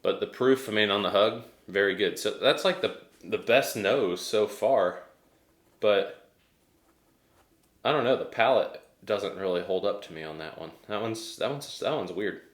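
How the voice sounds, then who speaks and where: A man's voice: fairly low pitch, measured pace, reverberant. An American man chatting casually as he reviews a tasting, hesitant and thinking aloud. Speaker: whiskey reviewer.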